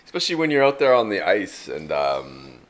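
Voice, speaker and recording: A man co-hosting a podcast, chatting casually and telling rambling, animated stories. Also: deep voice, moderate pace. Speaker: podcast co-host. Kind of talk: casual chat. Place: rural cottage area.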